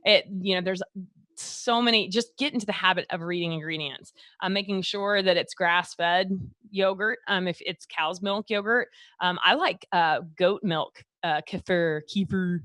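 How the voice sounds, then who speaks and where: A woman's voice: medium pitch, normal speed, a bit bright, no room sound. Chatty Texan woman hosting a podcast. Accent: Texas. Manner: chatty, lots of fillers and restarts. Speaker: podcast host, doctor. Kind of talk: casual podcast chat.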